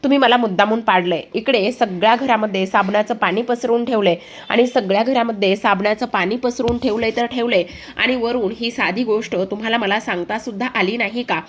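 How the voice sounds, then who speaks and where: A woman's voice: a little high, brisk, slight background noise, lightly acted. A woman voicing a haughty middle-aged woman who accuses others and complains, in a television serial recap. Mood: accusing.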